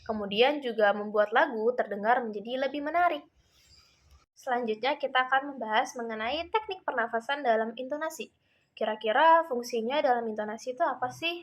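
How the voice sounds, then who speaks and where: High-voiced teen girl presenting a lesson. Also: brisk, muffled recording. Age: late teens. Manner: casual explaining with many tag words. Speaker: student presenter. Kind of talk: school class presentation.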